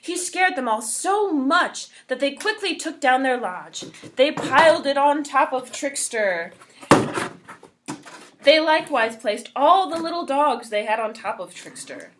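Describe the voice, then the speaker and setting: A woman narrates a trickster folktale with dramatic expression. Her voice is fairly high and lively in pitch, and she tells it slowly and deliberately. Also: slight background noise. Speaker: storyteller.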